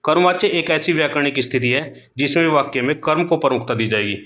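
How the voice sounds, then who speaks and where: A man giving a grammar lesson for exam students. He asks questions aloud, answers them himself, and slowly repeats each key point. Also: on the high side, fairly bright tone. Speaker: Hindi grammar teacher.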